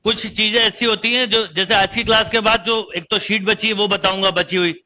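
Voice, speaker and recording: A man's voice: high-pitched, steady tone, brisk, sharp tone, dull audio, a little hiss or hum. A man teaching a math lesson online, explaining step by step and quizzing his students as he goes. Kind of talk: online exam-prep lecture.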